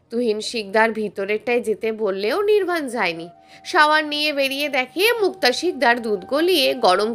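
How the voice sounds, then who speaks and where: A woman with a high, light voice narrates a written story at an even, measured pace. Soft music plays quietly underneath her reading. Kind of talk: scripted narration.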